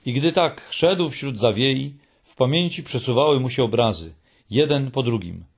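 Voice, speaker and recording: A man narrating a children's storybook in a slow, calm, husky voice. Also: mid-range voice. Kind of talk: audiobook narration.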